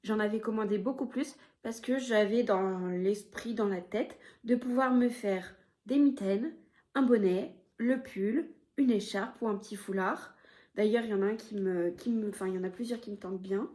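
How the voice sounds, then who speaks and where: Here a woman chats easily about her knitting on her podcast, displaying projects as she goes. She speaks at medium pitch and normal speed, hesitating often, using plenty of fillers, and slipping in soft asides now and then.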